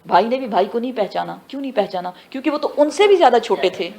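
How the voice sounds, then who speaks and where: A woman giving a tafsir lesson who asks her students questions and answers them herself, mixing in English phrases and slowing down for the Arabic words. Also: fairly high pitch, lively intonation, a little mellow. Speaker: Quran teacher. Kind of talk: tafsir class lecture.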